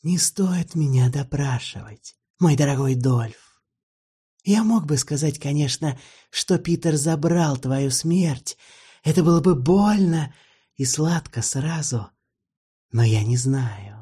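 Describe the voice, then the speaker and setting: A man puts on an old vampire for a dark fantasy audiobook: higher and softer than the narration, nearly a whisper at times, drawing out each ornate, courtly phrase. The mellow, husky tone suits his gentle, sorrowful irony. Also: animated, heavily acted. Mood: mournful, patient. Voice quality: soft, half-whispered, drawn-out. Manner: slow, ornate, mournfully polite. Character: ancient weary male vampire, courtly, gently ironic.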